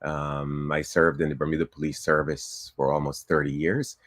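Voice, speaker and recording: An older man from Trinidad and Tobago talks as a guest on a talk show, in a very low voice. He is chatty and laughs easily, with lots of ums. The sound is close and dry. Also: little pitch movement, moderate pace, fairly bright tone, no room sound. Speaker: political candidate guest.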